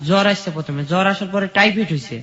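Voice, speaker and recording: Speaking very fast in a high-pitched, fairly bright voice, a Bangladeshi-accented man recounts his personal life story as a guest in an interview. The sound is dull and lo-fi.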